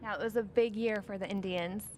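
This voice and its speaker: A woman's voice: mid-range voice, fairly even intonation, brisk, darkish tone. A woman asking conversational questions as a sports interviewer.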